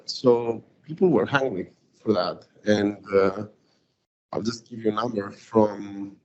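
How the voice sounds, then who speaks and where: A man talks conversationally as a startup founder on a panel. His voice sits low, and the recording is muffled with faint noise behind it. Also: vocal fry, darkish tone. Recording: dull lo-fi room recording, background noise.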